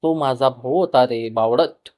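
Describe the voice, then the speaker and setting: A man's voice: mid-range voice, measured pace, darkish tone, no room sound, studio quality, lightly acted. A man voicing a cheerful, talkative young woman neighbor who speaks in a playful, teasing way.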